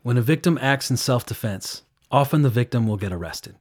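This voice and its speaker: A man's voice: mid-range voice, animated, brisk, dry recording, studio quality. A man working as a victim advocate, earnestly recounting a case in detail during an interview. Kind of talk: interview storytelling.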